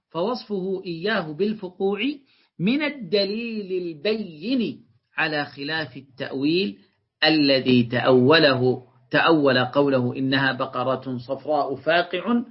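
A man with a fairly high, husky voice gives a classroom lecture on Quran interpretation. He reads classical passages aloud, then breaks them down step by step and keeps checking that his students follow. The recording is dull and lo-fi. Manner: explains step by step and often checks that listeners follow. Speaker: teacher commenting on a tafsir text.

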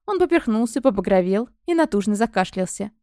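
Expressive woman narrating an audiobook. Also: medium pitch, brisk, no room sound, studio quality. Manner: first-person, expressive storytelling.

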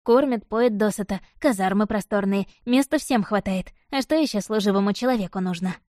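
A woman's voice: mid-range voice, a little mellow, no echo, studio quality, close to an everyday voice. A woman reading an audiobook voices a polite, eager young male messenger who answers his lord readily and deferentially. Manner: deferential, brisk and willing.

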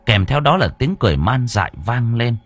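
A man narrating a horror story in a dramatic, expressive way. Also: medium pitch, brisk, husky. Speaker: audiobook narrator.

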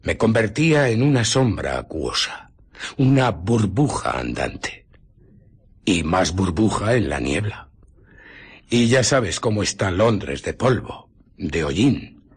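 An actor playing a bitter fugitive invisible scientist in a radio drama, in Castilian Spanish, with a rough voice and dramatic, heavy pauses. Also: male voice, lowish voice, very animated, heavily acted. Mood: brooding. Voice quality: husky, rough. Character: Griffin, bitter invisible male scientist on the run. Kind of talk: Spanish radio drama acting, recounting his ordeal.

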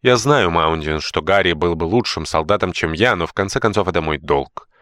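A man voicing an earnest, dutiful young gentleman who speaks in a firm, stern way. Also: low voice, fairly quick, no room sound.

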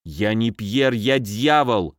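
A man's voice: fairly low pitch, lively intonation, takes it slowly, no echo, clean studio sound, voice pushed down. A man reading an audiobook, playing a sly, mocking male footman who likes to tease and play pranks. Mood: menacing. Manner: sly, teasing.

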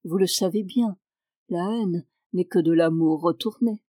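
A woman reading the part of a calm, authoritative man who speaks softly and with pity, in an audiobook. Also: lowish voice, no room sound, studio quality. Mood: gentle. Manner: soft, measured, compassionate.

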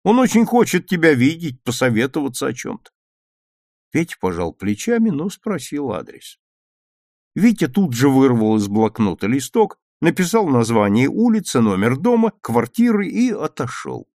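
Gravelly, expressive storybook narrator, male. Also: medium pitch, moderate pace, no room sound, studio quality. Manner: expressive, lively reading. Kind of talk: storybook reading.

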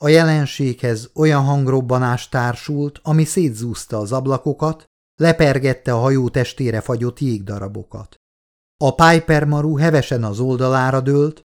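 A man reading a novel aloud as an audiobook narrator, in a steady, measured way. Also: medium pitch. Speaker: audiobook reader. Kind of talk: scripted narration.

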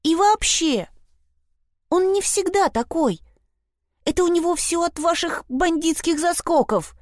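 A woman's voice: very high-pitched, expressive, unhurried, no room sound, clean studio sound, voice pushed up. A woman voicing a defensive, indignant teenage girl in a storybook reading.

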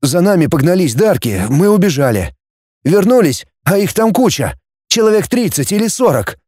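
A man's voice: high-pitched, big pitch swings, normal speed, a little mellow, no room sound, clean studio sound, pitched above the performer's own voice. A man doing a breathless teenage boy. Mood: excited.

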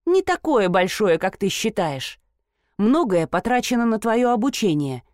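A scornful, sharp-tongued older mother, as a woman reader puts her on, brushing things off with biting sarcasm. The reading is dry and close-miked, with no room sound. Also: mid-range voice, sing-song, unhurried, no room sound. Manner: caustic, dismissive, scornful.

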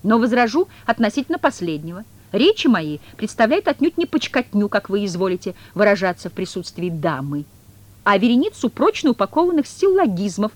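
A woman's voice: mid-range voice, voice pushed up. A woman voicing a huge, sly, pompous talking cat who speaks in wordy, mock-offended phrases.

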